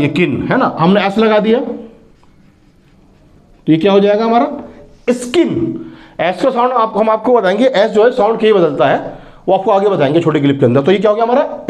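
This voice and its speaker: A man teaches English sounds in a fairly high voice. He sounds out each example word slowly and asks questions that he answers himself. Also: a little mellow. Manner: repeats words slowly, asks and answers his own questions. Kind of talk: phonics lesson.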